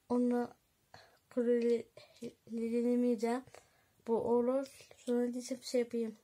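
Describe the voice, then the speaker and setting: A woman vlogging casually to her viewers, chatty and excitable, giggling often. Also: on the high side. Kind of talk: casual vlog chat to viewers.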